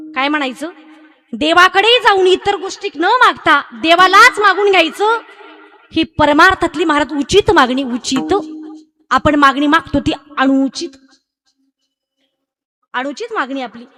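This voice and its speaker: A woman's voice: high voice, normal speed, long pauses, bright, forceful tone, in a large hall. A woman with a Marathi accent preaching a devotional kirtan sermon, telling a story animatedly, acting out the characters' voices and talking directly to the audience.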